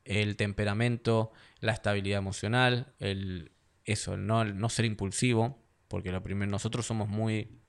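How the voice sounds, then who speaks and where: A man's voice: lowish voice, little pitch movement, moderate pace, vocal fry. A young man from Argentina with an Argentine accent, telling stories as a fighter guest in a casual interview, laughing often and acting out quotes in a raised voice. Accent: Argentine Spanish.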